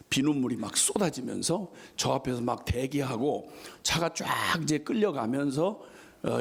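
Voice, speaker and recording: A middle-aged male preacher with a gravelly, husky voice that sits a bit high. He tells a personal story in a sermon with lively energy and acts out the voices of the people in it. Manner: animated anecdote-telling, acting out a shouting attendant with laughter. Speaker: missionary preacher.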